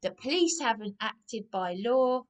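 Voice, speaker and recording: A woman's voice: fairly high pitch, expressive, unhurried. A woman in an emotional, rambling monologue, agitated and repeating herself. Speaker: vlogger.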